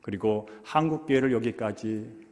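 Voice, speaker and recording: A male pastor preaching an emotive sermon in a church, moving between hushed and loud passages. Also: lowish voice, normal speed. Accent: Korean. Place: church sanctuary. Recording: long church hall reverb.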